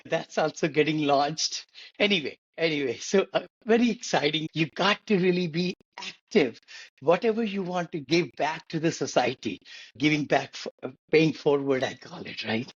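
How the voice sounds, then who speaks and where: A man's voice: a little high, normal speed, husky, highs cut off. A man in his seventies, co-hosting a casual podcast chat, enthusiastic and repeating words for emphasis. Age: 70s. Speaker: co-host.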